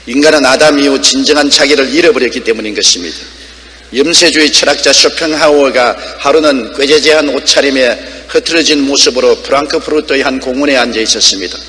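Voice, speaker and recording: Older pastor, bright high-ish voice, big reverb in a church hall. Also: male voice. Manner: emphatic preaching with sweeping pitch swings. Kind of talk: sermon. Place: church sanctuary.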